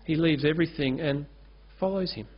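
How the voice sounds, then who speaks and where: This pastor's voice is a little high and brisk, with a breathy edge, as he preaches an earnest sermon from a lectern mic in front of a stage curtain at church. He gestures freely, and the recording sounds dull and lo-fi.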